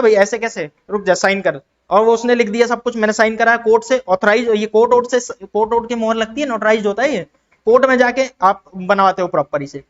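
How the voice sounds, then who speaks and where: A man's voice: very high-pitched, a bit bright, dull audio. A man from India teaching an accounting lesson, posing questions and answering them himself and repeating key terms. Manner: acts out quick exchanges in other voices. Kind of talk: classroom-style explanation with questions to students.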